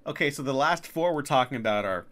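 A man's voice: mid-range voice, animated, fast, a bit bright. A man hosting a podcast, with a stuffy, nasal voice while getting over being sick, talking loosely and swearing. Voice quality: nasal from a cold. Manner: loose, swears and laughs often. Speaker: podcast host. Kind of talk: casual chat.

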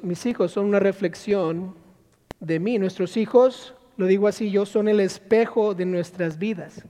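A man's voice: high-pitched, dark tone. A male pastor preaching a sermon, asking rhetorical questions and acting out quotes. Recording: long reverb of a large hall.

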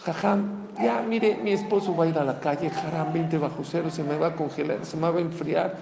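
A man's voice: a little high, steady tone, a little fast, vocal fry, reverberant, in a large hall, noisy background. A man voicing a worried wife who pleads insistently with the rabbi, in a sermon story. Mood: pleading.

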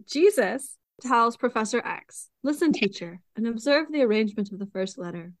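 A woman's voice: a little high, lively intonation, normal speed, no echo, rough recording. A woman co-hosting a casual podcast, reading old text passages aloud and adding dry asides. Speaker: podcast co-host reading the story.

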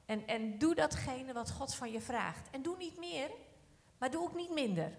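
Woman, church talk, earnest and encouraging, fairly high voice, long hall reverb. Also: lively intonation, normal speed, darkish tone. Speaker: church speaker. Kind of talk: exhortation in church.

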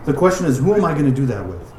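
A man's voice: mid-range voice, sing-song, very fast, a little hiss or hum. A man teaching a religious lesson in a casual, conversational way, filling his talk with "like" and "right?" asides. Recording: roomy echoing room.

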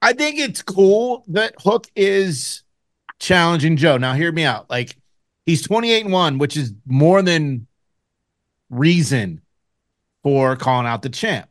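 A man's voice: on the high side, animated, takes it slowly. A man co-hosting a wrestling podcast, reasoning through his opinion. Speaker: podcast co-host. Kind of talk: casual wrestling podcast chat.

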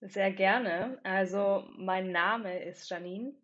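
Woman from Berlin, podcast guest; thoughtful, halting delivery full of fillers, muffled lo-fi recording. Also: medium pitch, fairly bright tone. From Berlin, Germany. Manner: thoughtful, hesitant, many filler pauses. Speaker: podcast guest, company founder. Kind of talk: casual interview chat.

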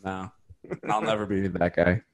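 A man's voice: sits low, steady tone, normal speed, no room sound. A man co-hosting a casual film podcast, joking in a wry way. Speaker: podcast co-host.

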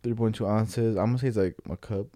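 Bro-ish young man, low-pitched, mellow. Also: fairly even intonation, quick pace, no room sound, studio quality. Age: young adult. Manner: bro-ish, slangy frat-boy talk with frequent swearing. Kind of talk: casual chat, reading out record facts.

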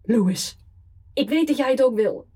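A woman voicing a drunk, desperate middle-aged man pleading loudly and crudely with his ex on the phone. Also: medium pitch, expressive, unhurried, breathy edge. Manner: slurred, begging, loud and crude.

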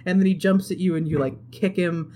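Animated swearing woman recapping a game. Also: on the low side, a little fast. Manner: animated, swears freely, acts out characters' lines. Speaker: podcast co-host recapping a game. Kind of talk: casual chat.

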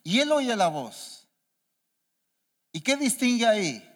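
A man preaching a sermon as an apostle, animated and questioning the congregation again and again. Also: very high voice, slow. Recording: reverberant church hall.

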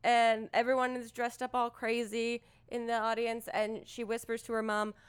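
A woman co-hosting a podcast in casual chat, animated and rambling, laughing often, wired from chugging a coffee. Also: on the high side, normal speed, clean tone. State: caffeinated after chugging coffee. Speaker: podcast co-host.

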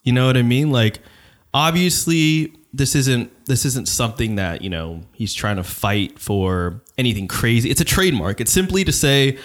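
A man with a medium-pitched voice hosts a casual podcast at a moderate pace. He talks loosely and animatedly, swearing freely and restarting his sentences a lot.

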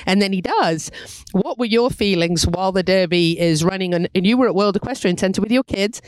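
A woman's voice: mid-range voice, a little fast, no echo, low-quality recording. A woman hosting a talk show, chatty and enthusiastic as she interviews a guest and reads sponsor credits.

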